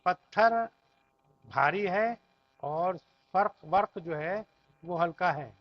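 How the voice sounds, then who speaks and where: A man's voice: high-pitched, takes it slowly, no room sound. A man teaching an Arabic class in a classroom, patiently repeating each phrase and explaining it word by word. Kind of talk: classroom language lesson. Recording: dull lo-fi recording.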